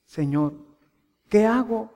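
A man's voice: sits high, lively intonation, takes it slowly, mellow. A man with a Mexican accent, a parish priest giving a conversational sermon full of rhetorical questions. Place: church. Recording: long church reverb.

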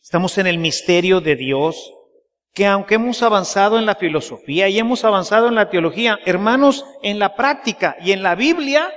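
A man's voice: high voice, fairly bright tone, long reverb tail. A man preaching a sermon, telling stories in a folksy way and often checking that the congregation follows. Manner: folksy storytelling, keeps asking the congregation to agree. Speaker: priest.

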